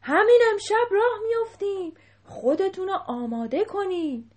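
A woman voicing a proud, quick-tempered male elephant king who booms his orders. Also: sing-song, darkish tone. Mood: angry. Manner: booming and domineering.

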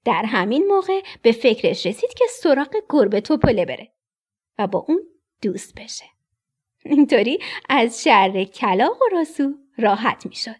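Brief: high, breathy woman storyteller, animated children's narration. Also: faint music behind. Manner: expressive, dips into whispers for suspense.

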